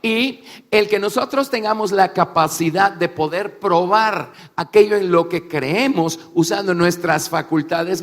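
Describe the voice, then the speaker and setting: High-voiced male interpreter in a reverberant hall. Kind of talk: consecutive interpreting of a religious talk. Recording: echoey hall, long reverb.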